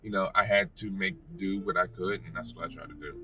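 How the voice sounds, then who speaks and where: An American man, a vlogger, casually telling a personal story in a halting, rambling way with self-corrections. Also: deep voice. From United States. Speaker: vlogger and former basketball player. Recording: distant mic, music behind.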